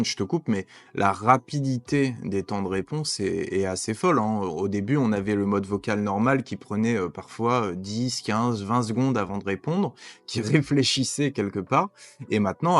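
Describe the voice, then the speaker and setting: A man's voice: lowish voice, no room sound. A man hosting a casual podcast interview, asking questions with lots of hesitations and fillers. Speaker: podcast host.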